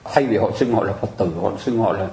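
Low, mellow-voiced male teacher. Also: brisk, reverberant, low-quality recording. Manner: patient, explanatory, keeps asking listeners to agree. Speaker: Buddhist teacher. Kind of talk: conversational teaching on mudras and mantras.

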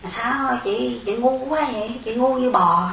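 A scornful woman mocks and belittles someone, as a female teacher puts her on. Her voice is bright and carries into an echoey room with a faint hum behind it. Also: fairly high pitch, measured pace, vocal fry, distant mic, pitched above the performer's own voice. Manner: mocking, belittling. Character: scornful woman hurling insults.

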